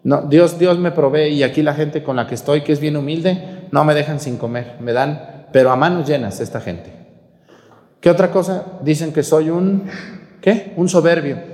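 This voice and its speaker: A Mexican-accented priest delivers a sermon with a fairly high voice. He is blunt and scolding and fires rhetorical questions at his listeners. The sound is roomy and the reverb rings on after each phrase. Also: moderate pace, a little mellow. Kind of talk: sermon during Mass, addressing viewers.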